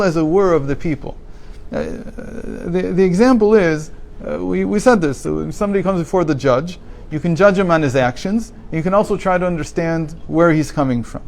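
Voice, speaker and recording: Measured man teaching a text class. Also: on the high side, gravelly, darkish tone. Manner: explanatory, poses rhetorical questions; measured, reads and translates passages aloud. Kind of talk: daily religious text class.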